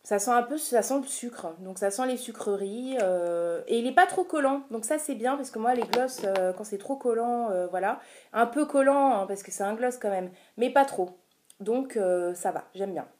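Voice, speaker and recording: A woman with a soft, mellow tone talks her way through a casual beauty haul. She is chatty and hesitant, pausing often on filler sounds as she goes. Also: a little high, slight background noise. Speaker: beauty vlogger. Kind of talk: casual product haul vlog.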